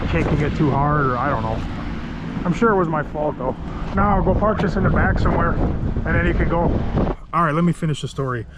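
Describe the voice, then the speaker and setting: A contractor in his thirties vlogs casually to camera from an outdoor building site, telling a story in a chatty, laughing way. His voice is a little high, and the audio is dull and very noisy.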